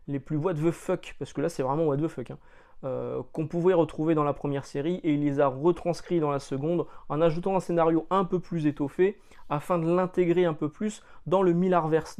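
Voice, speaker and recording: A fairly high-pitched man from France chats through a comics review in a casual, loose way. He drops slangy jokes and keeps stumbling over small hesitations as he goes. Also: dark tone. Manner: chatty, many hesitations and fillers.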